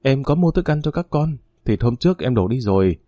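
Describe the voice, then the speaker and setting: Man voicing a spiteful stepmother, raised pitch, stubborn denial, dark tone. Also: animated, a little fast, no room sound, studio quality, natural voice. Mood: defiant denial. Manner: stubborn, denying everything. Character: spiteful lying stepmother, shrill and defiant.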